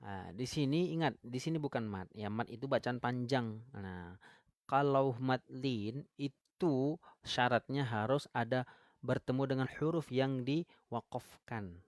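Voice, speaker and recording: A man's voice: medium pitch, no room sound. Man teaching recitation, dry sound. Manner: explains step by step, drills syllables slowly, asks viewers questions. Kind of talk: online tajwid lesson.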